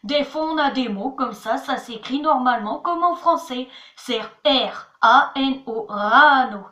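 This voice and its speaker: In an echoey room with lo-fi sound, a woman with a high-pitched, sharp voice takes her time. As a channel host, she runs a chatty homemade language lesson, spelling each word letter by letter and returning often to "voilà" and "attention."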